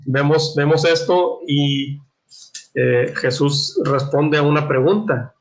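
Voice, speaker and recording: A man teaching a catechism class, reading scripture aloud and explaining it with many restarts, throat clearing and questions to his listeners. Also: on the high side, rough recording. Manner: halting, repeats words, frequent throat clearing, asks "¿verdad?".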